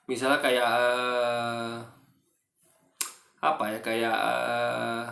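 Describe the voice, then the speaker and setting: A man's voice: mid-range voice, monotone, extremely slow, gravelly, bright, forceful tone. A man giving rambling, casual video commentary, full of fillers and remarks to his viewers. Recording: roomy echo.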